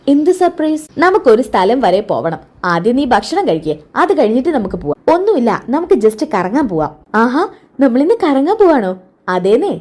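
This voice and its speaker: Lively woman retelling a serial. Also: a little high. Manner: lively retelling with quick switches between characters. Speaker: serial recap narrator. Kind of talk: retelling a TV serial episode, voicing all the characters.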